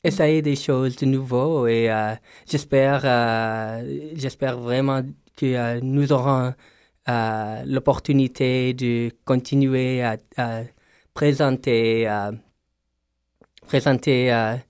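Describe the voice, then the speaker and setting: A man with an English-speaking foreign accent in French, answering interview questions haltingly as he searches for words. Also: mid-range voice, fairly even intonation, darkish tone, smooth, dry recording, clean studio sound. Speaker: performing artist interviewed about his festival piece.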